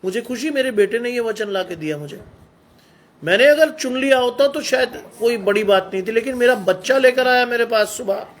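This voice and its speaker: High-voiced man preaching a sermon. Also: normal speed, a little hiss or hum. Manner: exhorting, rhetorical questions to the congregation. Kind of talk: Hindi sermon.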